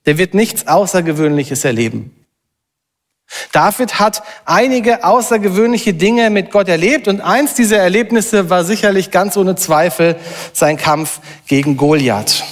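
A man preaching a sermon and reading a long scripture passage aloud in an earnest, steady voice. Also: high-pitched, measured pace, big-room sound.

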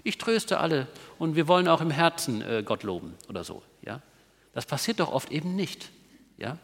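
A man delivering a sermon with a somewhat high voice that moves a lot in pitch. He talks to the congregation conversationally, often checking in with quick tag questions. His voice rings out with a long reverb, as in a big hall. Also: very animated. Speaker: preacher.

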